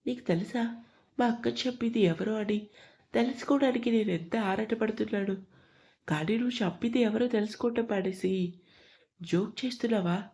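Woman as upset young woman, agitated, pleading, mellow tone, audio story. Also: on the high side, moderate pace, lightly acted. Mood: angry. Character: grieving, angry young woman.

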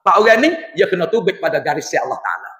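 Guy preaching, lively folksy sermon, pretty high voice, roomy echo all over. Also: fast talker. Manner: folksy, animated, mixes scripture with dialect. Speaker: religious teacher. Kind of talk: Islamic sermon in local dialect.

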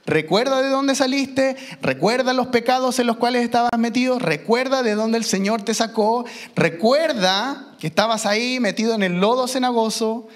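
A man, preaching a sermon as pastor, emphatic and slowing down for key phrases. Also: high-pitched. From Chile. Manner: emphatic, slows down for key phrases, mimics children. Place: church.

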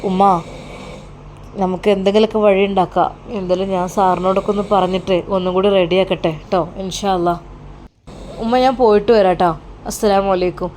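A woman voicing a calm, reassuring young adult son, speaking earnestly. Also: medium pitch, brisk, a little hiss or hum, voice pushed down, close to an everyday voice. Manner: soothing, steady, earnest.

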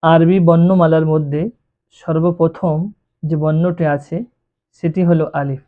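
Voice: medium pitch, steady tone, unhurried. A Quran reading teacher giving a beginner lesson, patiently drawing out each letter sound to demonstrate it. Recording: tinny phone-like recording.

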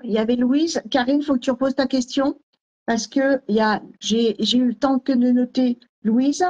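A woman's voice: sits high, steady tone, moderate pace, a little mellow, highs cut off. Scattered woman hosting a live stream. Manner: scattered, greets viewers, reads comments aloud. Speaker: host medium.

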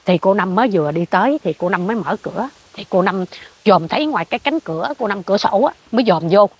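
An older woman with a Southern Vietnamese accent, telling a ghost story in an animated way and acting out what she saw. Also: mid-range voice, quick pace, husky, lo-fi sound. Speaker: interviewee. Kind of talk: ghost story told in conversation.

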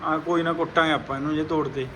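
A woman with a Punjabi accent talks with her children in a casual home vlog, coaxing and teasing them with questions. Her voice is bright and clear. A faint hum of background noise sits under the recording. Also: low-pitched, fairly even intonation, fast, poor audio. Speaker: vlogger filming her children.

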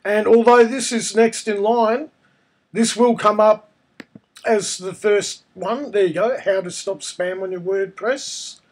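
A man, croaky and hoarse from a cold, narrating a casual step-by-step screencast tutorial. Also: sits high, steady tone, slow. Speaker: tutorial presenter.

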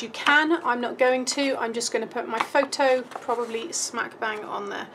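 A British woman whose voice is starting to go leads a casual, step-by-step craft tutorial indoors at a craft table, musing aloud as she goes. Her voice is on the high side, and the background is noisy.

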